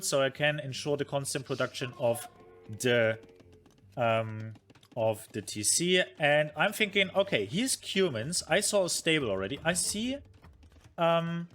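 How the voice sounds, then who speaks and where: Reviewing a strategy match he played, a streamer with a slightly high, fairly bright voice talks casually through it. He fills his thinking aloud with fillers, is self-critical, and responds to his chat.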